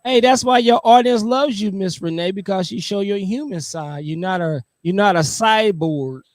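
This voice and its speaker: A man's voice: sits high, moderate pace, no room sound. A middle-aged man and military veteran, a podcast guest speaking casually and enthusiastically, often repeating phrases for emphasis. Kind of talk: casual chat.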